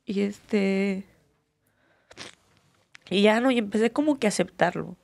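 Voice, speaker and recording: Young Mexican woman, fighter guest, gravelly edge, dry close sound, heartfelt and candid. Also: medium pitch, a little slow, a little mellow, no room sound. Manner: earnest, emotional storytelling with many fillers. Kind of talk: candid personal interview.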